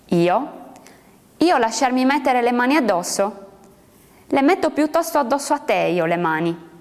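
A woman's voice: medium pitch, animated, unhurried, lightly acted. A woman voicing a haughty, commanding rich old male prisoner who speaks with scorn, recorded with a long reverb. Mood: scornful.

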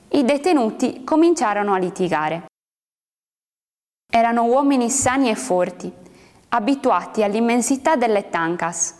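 A woman narrating a literary story aloud in a measured, expressive reading. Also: medium pitch. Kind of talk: audiobook reading of literary fiction. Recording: long hall reverb.

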